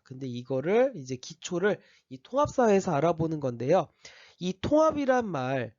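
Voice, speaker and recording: A high school history teacher with a slight cold gives his class a step-by-step orientation lecture full of fillers and restarts. His tone is darkish, and the recording is dry and lo-fi.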